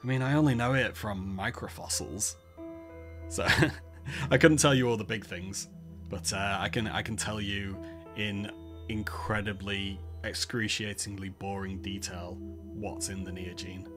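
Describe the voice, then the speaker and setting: A man's voice: fairly low pitch, fairly even intonation, unhurried, a bit bright. A man with a Mancunian accent hosting a gaming stream, reading a text adventure aloud with chatty, self-mocking asides. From Manchester, England. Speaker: host, palaeontologist. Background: background music.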